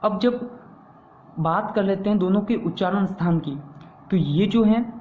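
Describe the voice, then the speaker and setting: A man's voice: high-pitched, unhurried, a little hiss or hum. A man teaching a grammar lesson, asking his listeners questions, answering them himself, and repeating the key terms. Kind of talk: classroom-style grammar lesson. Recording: echoey room over a tinny phone-like line.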